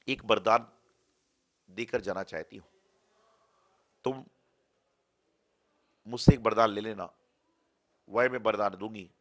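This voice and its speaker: A man voicing a calm, wandering goddess of wealth inside a told story, in a gentle, steady delivery. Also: fairly low pitch, heavily acted.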